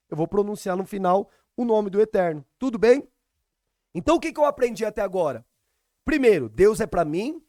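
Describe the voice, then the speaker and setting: A man's voice: sits high, a little mellow, no room sound, studio quality. A man with a Brazilian Portuguese accent teaching scripture on a podcast, emphatic and preaching, with many rhetorical questions. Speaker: religious teacher.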